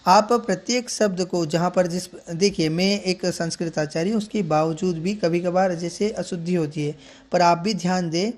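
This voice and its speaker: A man teaching Sanskrit mantra pronunciation, chanting each word slowly and carefully, then explaining in speech. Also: high voice. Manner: slow deliberate chanting of each syllable, then quicker explanation.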